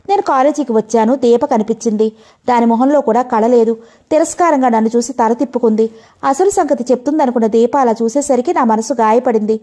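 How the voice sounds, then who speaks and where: A woman narrating a first-person story in a steady, emotional way. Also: a little high.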